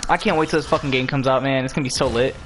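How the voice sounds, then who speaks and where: A man's voice: mid-range voice, fairly even intonation, very fast, fairly bright tone, faint music behind. A young man chatting casually while playing a video game, joking crudely and laughing often. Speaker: gamer. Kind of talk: casual chat while gaming, freestyle rapping.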